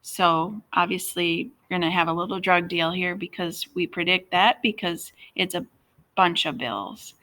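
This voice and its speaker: Bright-voiced teacher reading aloud. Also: female voice, lowish voice, unhurried. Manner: explains predictions as she reads. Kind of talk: reading a novel aloud with prediction commentary.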